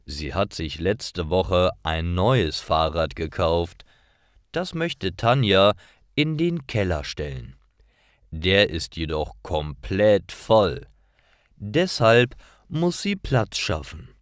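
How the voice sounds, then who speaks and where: This scripted narration for language learners features a man with a very deep voice telling simple stories at a slow, careful pace. His intonation rises and falls expressively as he delivers each short sentence deliberately, and the recording is dry, clean-toned, and studio-clean.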